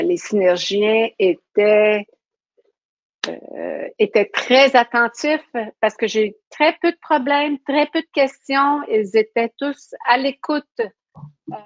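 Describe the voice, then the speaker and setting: A woman from Quebec, an event organizer, speaking slowly and hesitantly on a webinar call. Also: fairly high pitch, no room sound. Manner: slow, hesitant. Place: video call. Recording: dry, lo-fi call audio.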